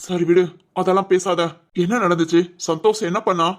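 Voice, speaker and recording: A woman's voice: on the low side, steady tone, lightly acted. A woman voicing a hot-tempered young man who protects his fiancée and speaks in an angry, commanding way, in an amateur family drama. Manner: angry, commanding, quick to threaten.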